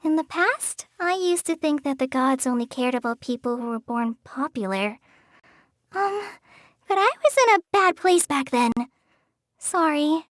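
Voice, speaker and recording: These game voice lines belong to a bashful young forest ranger apprentice whose voice is very high and lively. Gently and at a measured pace, she falters, sighs and apologizes. The studio capture is dry and close-miked.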